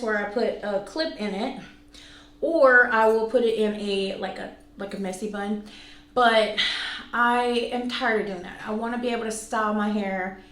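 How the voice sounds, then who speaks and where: Speaking in a slightly high, fairly bright voice, a woman of about forty reviews products and chats casually with viewers. She's informal and conversational, with self-deprecating comments along the way. The recording has room echo and some faint noise.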